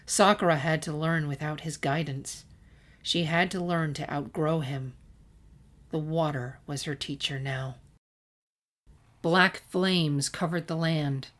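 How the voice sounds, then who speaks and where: With a low voice and an unhurried pace, a woman narrates a scripted fan fiction story in the manner of an audiobook reader.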